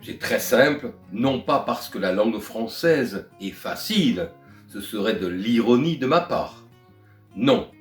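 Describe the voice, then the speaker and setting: An older man teaching French to foreign learners, speaking deliberately and clearly in a lesson. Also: medium pitch, reverberant. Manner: deliberate, lively melodic teaching voice. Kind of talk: slow explanatory lesson to learners.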